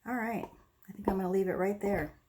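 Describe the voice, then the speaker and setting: A woman casually talking through a hands-on craft demonstration step by step, in an unhurried way. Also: mid-range voice, fairly even intonation, a little mellow. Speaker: host of an acrylic pour painting tutorial. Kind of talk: casual craft demonstration, narrating as they work.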